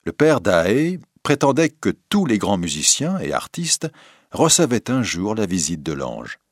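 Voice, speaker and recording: Brief: male story narrator, deep and breathy, steady delivery. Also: unhurried, no echo, studio quality. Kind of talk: audiobook narration.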